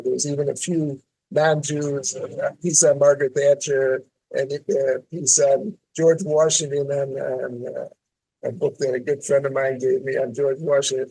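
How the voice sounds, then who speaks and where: An older man talks as an interview guest, thinking aloud and circling back through restarts. His voice is gravelly and a bit husky, sitting at an average pitch. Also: moderate pace, a little mellow, rough recording. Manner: reflective, with many restarts and fillers. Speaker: guest columnist. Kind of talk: casual interview talk.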